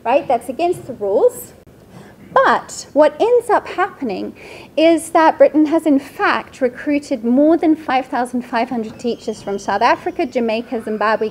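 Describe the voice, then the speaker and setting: A woman's voice: high-pitched, darkish tone. A woman from Sweden, around her thirties, giving a seminar talk about slides in a conversational way, often checking in with the audience by asking "right?". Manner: conversational, frequent tag "right?". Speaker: seminar speaker. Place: lecture room.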